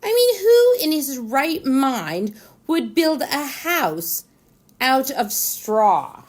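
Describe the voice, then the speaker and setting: A woman voicing a storybook wolf, male, chatty and falsely innocent, with dramatic stammering and drawn-out words. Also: sits high, very animated, heavily acted. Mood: incredulous, chatty. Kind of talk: animated children's storybook reading.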